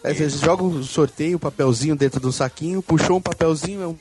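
A man's voice: on the high side, quick pace, crowd noise. A man chatting casually as a podcaster, very close to a microphone that catches his breath. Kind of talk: casual chat. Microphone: held very close, breath blowing on it.

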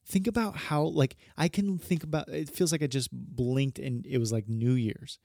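A man's voice: medium pitch, fairly even intonation, normal speed, creaky, mellow, no echo, clean studio sound. A man in his thirties, a pastor hosting a podcast, talking casually in a rambling, earnest way and often correcting himself. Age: 30s.

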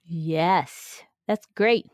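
Young South African woman, casual podcast co-host, lower-pitched, dry close mic. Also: very slow, no echo. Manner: chatty, laughs often, many fillers.

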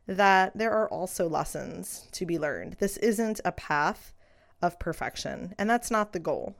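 A middle-aged woman, a midwife, talking through her beliefs in a reflective solo podcast, earnest and unhurried with soft fillers. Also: sits low, gravelly.

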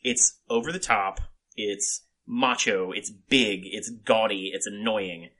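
A man hosting a podcast in casual chat, emphatic and halting, repeating himself and swearing freely. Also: lowish voice, bright, forceful tone. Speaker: podcast host.

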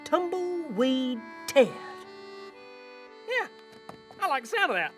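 A drawling, folksy cowboy, speaking with a lively, swooping pitch. He talks in cheerful ranch slang for a children's video, and soft music plays underneath. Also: takes it slowly, exaggerated voice. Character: folksy cowboy man, Sagebrush Sam.

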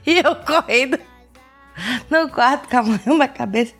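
Casting: a young woman co-host, fairly high voice, animated storyteller, faint music underneath. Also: moderate pace. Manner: animated storytelling, acting out her own panicked cries. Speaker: podcast co-host. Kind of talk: casual chat.

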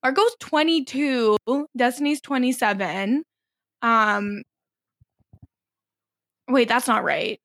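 High-voiced wry woman. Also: slow, long pauses, a bit bright, no room sound, studio quality. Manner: wry, teasing, laughs often. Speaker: podcast co-host. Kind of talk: casual chat.

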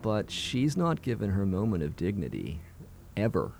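A man's voice: lowish voice, very animated, moderate pace, vocal fry, a little mellow. A man giving earnest, emphatic criticism in an interview. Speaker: interviewee, commentator. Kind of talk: interview commentary.

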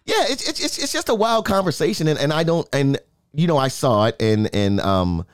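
Man, sports talk co-host, lively swings in pitch, dry close sound, emphatic. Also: normal speed, smooth, dry recording. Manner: animated, emphatic, asks "right?" often. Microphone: in-ear monitor, studio.

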